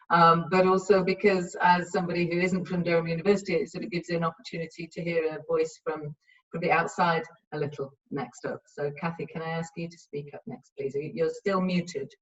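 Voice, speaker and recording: A woman chairing an online panel as moderator, speaking politely and encouragingly over a video call. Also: deep voice. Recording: distant, dull lo-fi sound.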